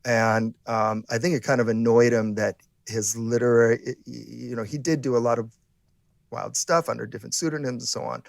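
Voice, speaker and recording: A man's voice: medium pitch, steady tone, fairly quick, gravelly, dry recording, clean studio sound. A man co-hosting a podcast, talking casually and rambling with many restarts and fillers. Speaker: podcast co-host. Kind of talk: casual conversation.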